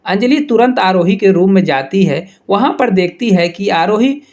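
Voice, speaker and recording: High-voiced male storyteller. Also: lively intonation, moderate pace, a little mellow, muffled recording. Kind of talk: scripted story narration.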